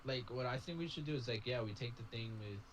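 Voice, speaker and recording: A young man thinks out loud at a tabletop game, hedging his ideas and filling pauses with many fillers. A faint hiss sits under his voice. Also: medium pitch, poor audio. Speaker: player. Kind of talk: casual table talk.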